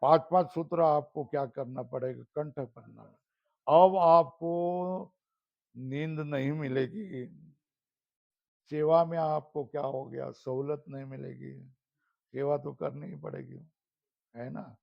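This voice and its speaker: A man with a creaky, mid-range voice leads a Sanskrit grammar class at a moderate pace and in a steady tone. He quizzes the students and chants terms back in question-and-answer drills, captured on a slightly dull lo-fi recording.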